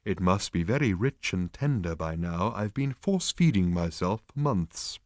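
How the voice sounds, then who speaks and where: A man's voice: deep voice, very animated, no echo, clean studio sound. A man voicing a placid talking cow-like dish. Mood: placid courteous. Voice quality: slow, soft, courteous mooing tone. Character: polite bovine dish-of-the-day creature, placid and eager.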